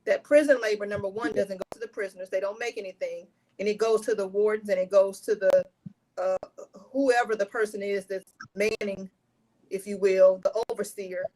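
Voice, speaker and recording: Panelist, mid-pitched voice, frank and restarting. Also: steady tone, moderate pace, a little mellow, low-quality recording. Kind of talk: virtual panel discussion. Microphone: video call.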